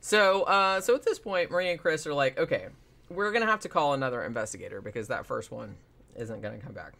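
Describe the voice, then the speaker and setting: A man's voice: medium pitch, expressive, fast, gravelly, bright, forceful tone. Rambling casual man with constant fillers. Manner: rambling, heavy on fillers and swearing. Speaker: podcast host. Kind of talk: casual retelling of a paranormal TV episode.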